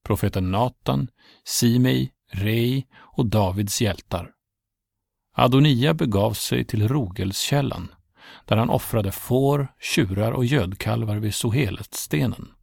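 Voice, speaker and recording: A man reads a Bible story as narrator, steady and measured. His voice sits low with a deep, constant gravelly fry. The recording is dry and close, with no room sound. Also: dry recording.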